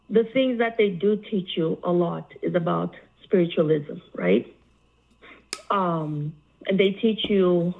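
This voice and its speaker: A woman from Zambia calling in to a talk show, speaking earnestly with many pauses and fillers. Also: on the low side, creaky. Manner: slow, earnest, halting with fillers. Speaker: caller. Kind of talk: call-in talk. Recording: phone line.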